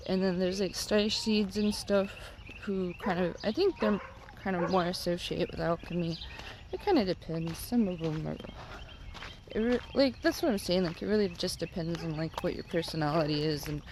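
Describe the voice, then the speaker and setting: A stoned woman rambling casually and haltingly, with lots of filler "like"s, as she vlogs on a walk. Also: fairly low pitch, noisy background. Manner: rambling, halting, heavy use of "like". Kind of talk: casual rambling vlog talk. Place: outdoors, on a walk.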